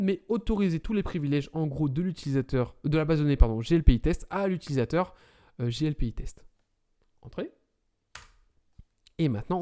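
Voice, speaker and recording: A man's voice: medium pitch, mellow. A man talking through a computer setup tutorial step by step, correcting small slips as he goes. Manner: talks through commands step by step, with self-corrections. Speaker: tutorial presenter. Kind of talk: screen-recorded IT tutorial.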